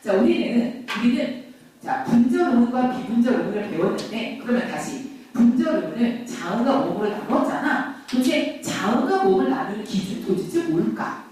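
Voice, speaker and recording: Middle-aged female teacher, animated lecture voice, mic set far back in a very echoey room. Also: on the high side, normal speed. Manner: lively, questions and teases students. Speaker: Korean grammar teacher. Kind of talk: classroom lecture. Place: classroom.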